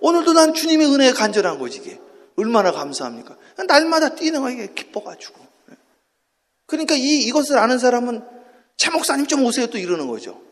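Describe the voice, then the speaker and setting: A man preaching an early-morning sermon, swinging from hushed talk to shouting and leading the congregation in call-and-response. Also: extremely high pitch, sing-song, quick pace. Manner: impassioned, shifts from hushed to shouting. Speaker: pastor. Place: church sanctuary. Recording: long church hall reverb.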